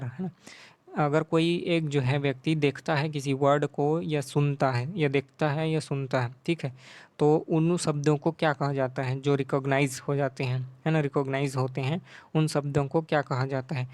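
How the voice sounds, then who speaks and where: A male teacher explaining exam questions in Hindi, reading the English questions slowly and adding tag questions as he goes. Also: on the high side, darkish tone, dry recording.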